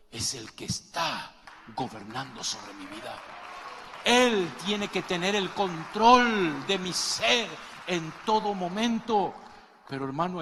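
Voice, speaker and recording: A middle-aged man preaching a sermon, moving between quiet asides and loud, passionate peaks as he calls his listeners brother. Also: medium pitch. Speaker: pastor. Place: church hall. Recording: long reverb of a large hall.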